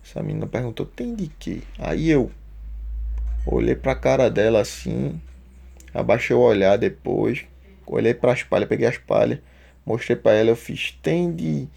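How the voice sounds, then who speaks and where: A man's voice: mid-range voice, moderate pace, gravelly, dark tone. A man telling a personal story casually, emotional and heartfelt, with a lot of slang.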